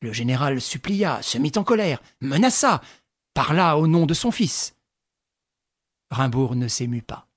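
A man narrating a novel in a measured, even storytelling manner. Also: mid-range voice, no echo, clean studio sound. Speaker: audiobook narrator. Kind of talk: scripted narration.

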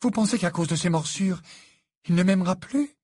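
A man voicing a proud, fierce young woman who speaks in a sharp, imperious way. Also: fairly low pitch, a little fast, breathy edge, no room sound.

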